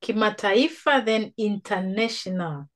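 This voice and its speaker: Slow-spoken patient woman Swahili teacher. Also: medium pitch. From Tanzania. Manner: patient, coaxing, affirming with frequent mm-hmm. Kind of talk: one-on-one language lesson.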